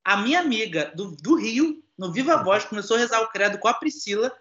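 A man telling a wild anecdote in a casual chat, excitable and swearing, acting out what people said. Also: sits high. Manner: fast, excitable, swears, acts out quoted voices. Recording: roomy, slightly dull sound with faint noise.

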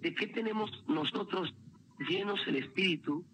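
A man's voice: sits high, moderate pace, fairly bright tone, slight background noise, rough recording. A man, a motivational speaker, telling an emotional personal story as a guest on a livestream. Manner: earnest, emotional, repeats words.

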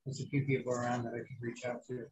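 A man chatting casually in a gravelly voice, scratchy from a sore, inflamed throat, plain-spoken and matter-of-fact. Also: medium pitch, monotone, fast talker, darkish tone. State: bruised, inflamed throat after surgery. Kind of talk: casual chat.

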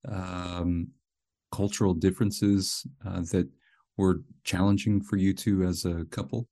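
A man's voice: sits low, little pitch movement, measured pace, mellow. A middle-aged man hosting a show, moving between scripted narration and interview questions.

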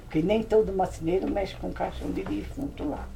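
Speaking fairly quickly in a gravelly, warm, medium-pitched voice, an older Brazilian woman spins old family stories in a rambling, vivid way, bursting into exclamations as she re-enacts scenes. She is the family elder, casually recalling the past. The low-quality recording has a little hiss or hum.

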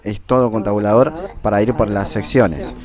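A man giving a casual spoken software tutorial into his computer's built-in microphone, with frequent fillers. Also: fairly low pitch, steady tone, moderate pace, a crowd in the background. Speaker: tutorial presenter. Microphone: computer's built-in default microphone.

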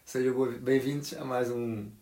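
A young man with a European Portuguese accent hosting a podcast in casual, chatty talk, often chiming in with quick agreements. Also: mid-range voice, steady tone, dark tone, faint music behind. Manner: quick, chatty, affirming interjections. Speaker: podcast host. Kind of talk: casual chat. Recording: roomy echo.

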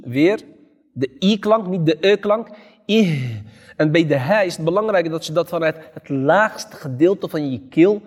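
A man's voice: on the high side, breathy edge, long reverb tail. A man, an imam, giving a Quran recitation lesson. He chants example verses and patiently contrasts correct and wrong pronunciations.

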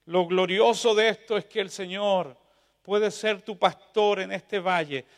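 A man preaching a sermon as pastor, questioning the congregation and building to impassioned, shouted exhortation. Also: high voice, unhurried, long reverb tail. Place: church.

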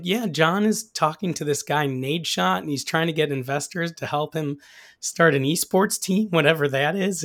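Guy hosting an interview podcast, hoarse lost voice, slightly high, close dry sound. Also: no room sound. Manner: enthusiastic. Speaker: podcast host.

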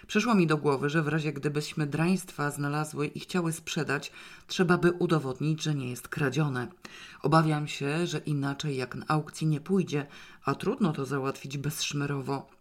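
A woman's voice: deep voice, moderate pace. A woman reading aloud and voicing a blunt, impatient woman friend in an audiobook, close to her own voice. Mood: matter-of-fact. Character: brisk, blunt woman friend, treasure-hunting partner.

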